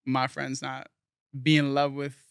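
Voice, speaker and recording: A man's voice: medium pitch, completely flat delivery, measured pace, creaky, smooth, dry recording, studio quality. A young man from South Florida, a guest musician talking casually in an interview, rambling earnestly with lots of fillers.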